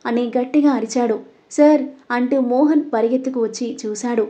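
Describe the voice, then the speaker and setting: A woman narrates a scripted audio story in a fairly high voice at a brisk pace. She voices every character's lines herself and gets louder for the dialogue.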